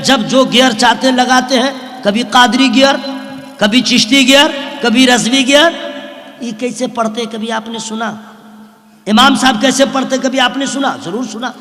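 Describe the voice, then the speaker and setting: A man giving a humorous sermon to a live religious gathering, animated and often shouting. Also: very high voice. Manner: animated, often shouting, acts out little dialogues. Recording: echoey hall with long reverb, public address.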